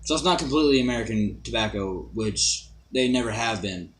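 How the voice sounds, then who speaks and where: A man's voice: on the low side, expressive, fairly quick, slight background noise, poor audio. A young man giving a casual, rambling amateur product review to camera, repeating himself and swearing mildly.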